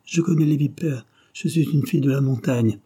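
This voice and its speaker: A man reading aloud and voicing a frightened young servant woman who pleads and defends herself. He lifts his husky voice a little higher for her, and her lines come out pleading and defensive. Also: moderate pace, mellow, natural voice. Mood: fearful. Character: frightened young maid from the mountains.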